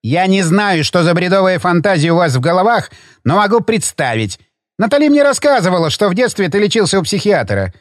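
A man's voice: sits high, sing-song, a little fast, dry recording, clean studio sound. A man reading an audiobook, voicing a domineering older hotel owner who barks and bullies. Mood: furious. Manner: barking, bullying, shouting.

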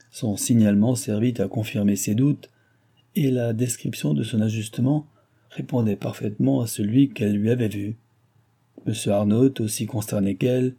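A man narrating a classic novel in a measured, even literary reading. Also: medium pitch, breathy edge. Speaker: audiobook narrator.

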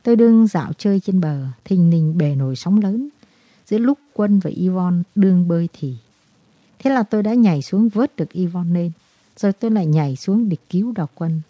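Storybook figure: broken, guilt-ridden man, halting confessions, read by a woman in a dry, dull take. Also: fairly low pitch, lively intonation, mellow, no room sound. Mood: confessional.

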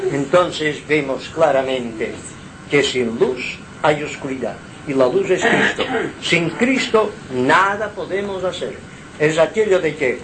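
Slow-speaking man preaching at home. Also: fairly high pitch, a bit bright, a little hiss or hum, low-quality recording. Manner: slow, deliberate preaching with rhetorical questions. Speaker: spiritual teacher hosting gatherings. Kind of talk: informal spiritual talk. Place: his home. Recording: live home gathering.

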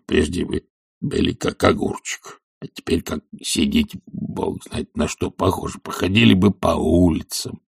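A man's voice: rumbling low, creaky, slightly rough, no echo, clean studio sound, full character voice. A man voicing a timid old servant who mumbles meekly to his master. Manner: mumbling, meek. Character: old timid male servant, grumbling and humble.

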